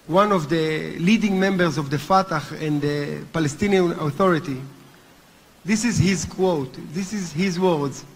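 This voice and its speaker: A native Hebrew speaker with a heavy accent, chairman of a movement, gives an earnest, formal conference speech in a large hotel hall, speaking deliberately and occasionally restarting. His voice is high-pitched and husky, with long hall reverb on the recording.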